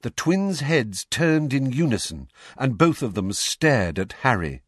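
A man narrating an audiobook in a lively, animated storytelling manner. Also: medium pitch, a little slow, dry recording, studio quality. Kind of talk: scripted narration.

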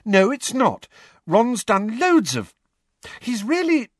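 A man voicing an excitable bookish teenage girl in an audiobook, speaking in a breathless, high and eager way. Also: drawn-out words, no echo, clean studio sound, full character voice. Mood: flustered. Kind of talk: audiobook character voice.

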